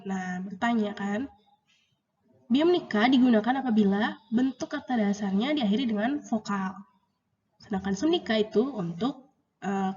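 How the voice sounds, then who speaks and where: Woman teacher in a dull, echoey recording. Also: a little mellow. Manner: slow, drawn-out repetition of example words, rising pitch on questions. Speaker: Korean language teacher. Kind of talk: grammar lesson explaining example sentences. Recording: dull, roomy lo-fi recording with long reverb.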